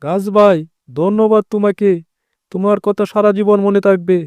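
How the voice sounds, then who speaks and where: A man voicing a good-hearted poor woodcutter fox, a devoted husband, in an earnest, expressive cartoon style. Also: high voice, moderate pace, clean tone, no echo, lightly acted. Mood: amazed. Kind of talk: cartoon voice acting.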